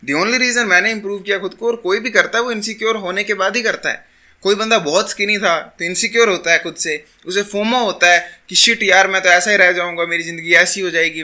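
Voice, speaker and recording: A man's voice: high-pitched, bright, forceful tone. A young man gives an argumentative self-improvement monologue to camera, switching between Hindi and English.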